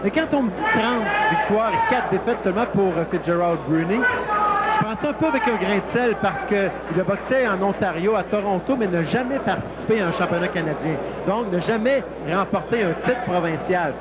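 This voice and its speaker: High-voiced male boxing analyst amid loud crowd. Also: sing-song, a little fast. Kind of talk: live sports analysis. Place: ringside in an indoor arena. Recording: loud arena crowd and noise.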